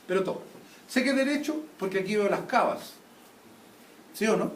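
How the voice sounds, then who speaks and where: This anatomy instructor has a high voice with lively intonation and keeps a moderate pace, peppering his students with check questions throughout the classroom lecture. He's captured from afar in a room full of echo, and faint noise sits underneath.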